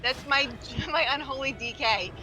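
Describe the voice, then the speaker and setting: A woman's voice: high voice, unhurried, pushed and bright, slight background noise. A woman chatting and giggling with her guild on voice chat during a game raid. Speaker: guild raid member streaming. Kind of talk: casual gaming voice chat.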